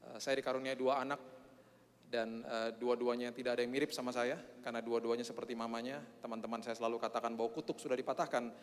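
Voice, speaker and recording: His voice sits at medium pitch with a level tone, and he talks quickly. He's a pastor giving a sermon with prayer, self-mocking and full of "eh," recorded in a church hall with long reverb.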